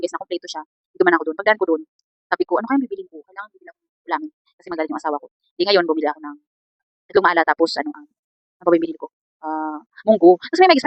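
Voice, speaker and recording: Fast, chatty woman vlogger. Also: medium pitch, dry recording. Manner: rambling, chatty, keeps saying "guys". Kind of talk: casual storytelling vlog. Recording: dull lo-fi sound.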